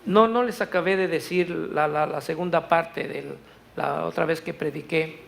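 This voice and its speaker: Gravelly-voiced man preaching a sermon. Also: a little high, fairly even intonation, normal speed. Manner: storytelling, swelling loud when reading scripture. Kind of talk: Spanish-language church sermon.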